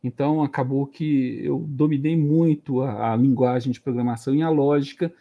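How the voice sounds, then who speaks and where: A man's voice: mid-range voice, steady tone, normal speed, narrow, tinny audio. A man in his late forties with a Brazilian Portuguese accent, casually telling his career story as an interview guest, hesitating and repeating words as he thinks. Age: late 40s.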